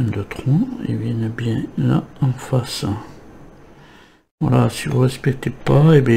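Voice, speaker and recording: A man with a cold, whose creaky mid-range voice has a warm tone, thinks aloud as he works through assembling a scale model kit in a hands-on tutorial. His talk is full of fillers, and there's a bit of hiss or hum in the recording.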